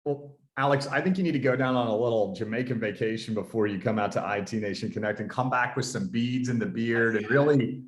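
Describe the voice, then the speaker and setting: A man's voice: mid-range voice, a little fast, hardly any pauses, slight background noise. A man chatting casually on a livestream, with a strong echo as if inside a concrete bunker. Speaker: software company founder, guest. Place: echoey indoor office with whiteboard.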